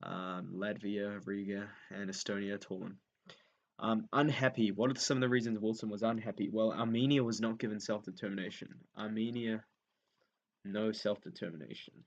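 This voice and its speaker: A man's voice: fairly low pitch, steady tone, moderate pace, lo-fi sound. A young man running an unscripted history revision lesson, thinking aloud with many ums and repeating key points as he writes them down. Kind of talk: unscripted revision lesson while writing notes.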